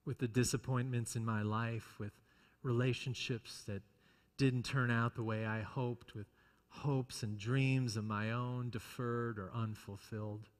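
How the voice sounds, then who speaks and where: A man preaching a solemn pulpit sermon in a deliberate manner, with dramatic pauses and repeated phrases. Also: medium pitch. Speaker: preacher giving a homily. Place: large church interior. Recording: echoey hall with long reverb.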